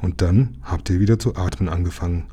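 A man reading aloud, voicing a friendly, proud young mermaid princess in a gentle, earnest way. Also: low-pitched, brisk, slightly rough.

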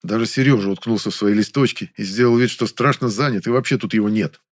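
A man reading first-person narration for an audiobook in an even, measured way. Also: on the low side, no room sound, studio quality.

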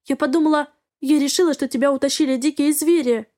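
A woman's voice: high-pitched, steady tone, normal speed, a little mellow, natural voice. A woman voicing a frightened, guilt-ridden young woman who pleads in a quavering, breathless voice. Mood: frantic.

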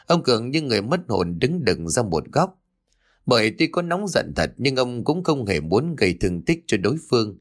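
A man narrating a ghost story expressively. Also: on the low side.

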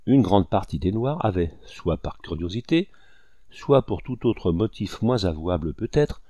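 A man narrating an audiobook in a dramatic, measured storytelling manner. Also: deep voice, lively intonation, dark tone, no room sound. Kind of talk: scripted narration.

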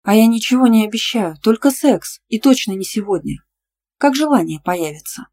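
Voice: medium pitch, moderate pace, lightly acted. A narrator voicing a sassy, cheeky young female student in an audiobook, bantering and indignant. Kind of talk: audiobook dialogue reading.

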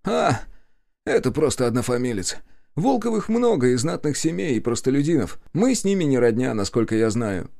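A man voicing a hoarse, talkative young male journalist with a wry, friendly way of talking, pitched well above his own voice. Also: very animated, normal speed, a little mellow. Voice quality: hoarse, strained higher voice.

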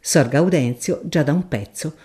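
A woman narrating a literary audiobook in a measured, expressive storytelling manner. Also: low voice.

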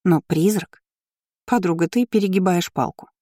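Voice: medium pitch, normal speed, warm tone, no echo, studio quality, natural voice. A narrator voicing a curious, eager young noblewoman who gossips playfully with her friend. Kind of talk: audiobook character voice.

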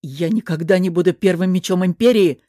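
A woman's voice: lowish voice, slow, no echo. Storybook hothead: a woman doing a young swordsman, bellowing and raw, on a dry close mic. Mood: sullen. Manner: shouting, furious. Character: hot-tempered young male swordsman.

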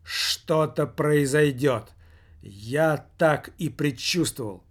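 A man voicing a solemn, commanding male séance medium who speaks in a droning, detached monotone. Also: on the high side, slow pace. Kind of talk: audiobook character voice.

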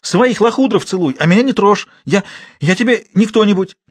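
A hoarse young village girl, bashful and fierce, rises high and husky in this audiobook reading, a man putting her on. The sound is dry and close. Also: expressive, measured pace, no echo, exaggerated voice. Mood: furious. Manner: frightened, then shouting and near tears. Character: young village girl, shy, fiery temper.

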